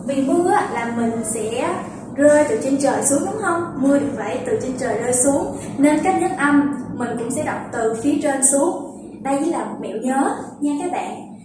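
A young woman teaching Japanese vocabulary, patiently explaining and slowly repeating words to show their pitch accent. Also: lively intonation, noisy background. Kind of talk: vocabulary lesson. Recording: very echoey room, distant from the mic.

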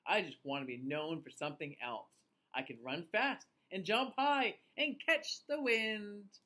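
A man's voice: sits high, measured pace, bright, forceful tone. A man voicing a spirited, determined young female gnome athlete in a storybook, plucky and emphatic. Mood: confident.

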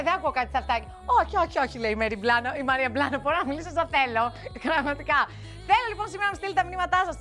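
Bright high-voiced woman TV host. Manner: playful teasing banter with crew. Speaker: TV show host. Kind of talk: lively studio chat to camera. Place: TV studio.

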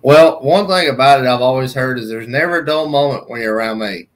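A man's voice: mid-range voice, a little fast. Folksy Southern man chatting. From Southwest Arkansas. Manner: folksy, joking. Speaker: livestream host. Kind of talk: casual chat.

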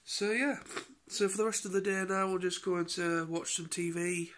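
In his living room, a thirtysomething British vlogger with a cold talks into his arm's-length phone camera, tired, stuffy, and sniffling. His steady, somewhat bright voice runs a bit high for a man as he rambles along with fillers and halting restarts.

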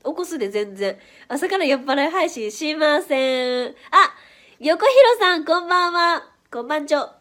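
High-voiced chatty Kansai woman. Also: animated. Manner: chatty, playful, quick to react. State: stuffy nose from hay fever. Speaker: idol livestream host. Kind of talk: casual livestream chat reading viewer comments.

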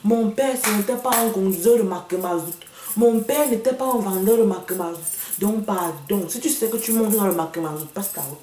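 A woman's voice: medium pitch, fairly quick, mellow, slight background noise. Sassy woman ranting in an echoey room. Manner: sassy, mocking, mixes in English and slang. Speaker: comedian vlogger. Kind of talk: comic rant to camera. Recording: echoey room, a bit far from the mic.

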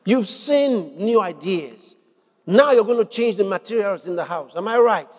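A high-voiced male preacher delivering a sermon with fervent emphasis, repeating phrases and rising into shouts. His voice rings with the long reverb of a large hall. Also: animated, moderate pace.

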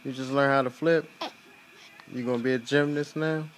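A man's voice: mid-range voice, steady tone, normal speed, a little hiss or hum, rough recording. A father filming his baby at home, teasing her in a playful way. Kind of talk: casual home video. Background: loud music.

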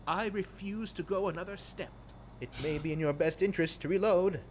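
A man's voice: sits high, brisk, a little mellow, a little hiss or hum, lightly acted. A man voicing a nervous game scientist. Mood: worried. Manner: worried, formal. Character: nervous male scientist in a research facility.

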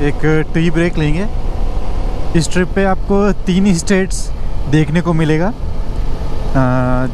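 A man talking casually to viewers from a helmet mic while riding a motorbike on a highway. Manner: unhurried, chatty, talks to viewers while riding. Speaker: motovlogger. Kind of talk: casual ride commentary. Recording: loud wind and traffic noise.

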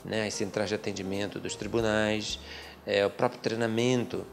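Measured middle-aged man explaining methodically. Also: fairly low pitch, fairly even intonation, vocal fry, faint music behind. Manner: measured, methodical, with frequent hesitation fillers. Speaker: lawyer and guest speaker. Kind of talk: explanatory interview answers. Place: small office with bookshelves, indoors. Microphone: handheld interview mic.

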